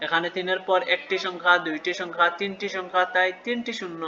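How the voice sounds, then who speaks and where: A man's voice: sits high, flat delivery, fast, bright, forceful tone, lo-fi sound. A man teaching a children's math lesson step by step, patiently asking questions and answering them himself.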